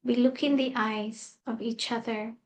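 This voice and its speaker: A woman from Malaysia gently telling a personal spiritual story as a guest speaker, with soft fillers. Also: on the high side, fairly even intonation, unhurried, rough recording. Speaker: guest speaker, meditation teacher.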